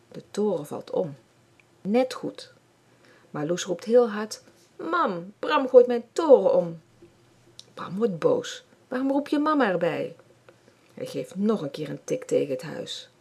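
Gravelly, dark-voiced woman reading. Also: low voice. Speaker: narrator. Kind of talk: children's audiobook reading.

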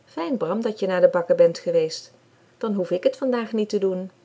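A woman's voice: mid-range voice, moderate pace, natural voice. A woman reading aloud, voicing a firm but kind mother. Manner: firm, gently amused.

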